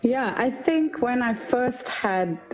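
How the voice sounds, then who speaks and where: A woman's voice: a little high, animated, slow pace, dull audio, soft background music. A woman in her thirties, raised in Pakistan and England, chatting casually as an interview guest and often asking "do you know what I mean". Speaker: interview guest, homeschooling mum. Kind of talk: casual conversation on a livestream.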